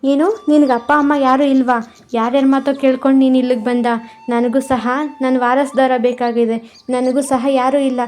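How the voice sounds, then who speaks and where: A woman voicing a kind, childless man in a cartoon who gently coaxes a lost boy. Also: high voice, flat delivery, normal speed, close to an everyday voice. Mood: gentle, concerned. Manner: gentle, coaxing.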